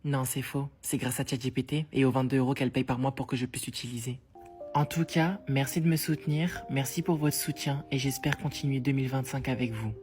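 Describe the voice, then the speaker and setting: A woman reading a mock-sincere letter to her followers in a deadpan, soft manner. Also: very deep voice, brisk, soft background music. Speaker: comedy creator.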